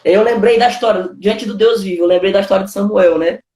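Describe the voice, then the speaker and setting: A fast-talking pastor with a Brazilian accent gives his testimony in an informal, conversational way, leaning constantly on "cara" and "né." His voice sits high and is a little mellow, recorded in an echoey room.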